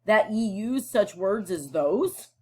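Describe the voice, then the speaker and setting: A woman's voice: mid-range voice, expressive, slow pace. A woman reading the lines of a harsh, scornful father who scolds his daughter sharply, in a read-aloud lesson. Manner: sharp and reprimanding. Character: harsh, scornful middle-aged mayor father.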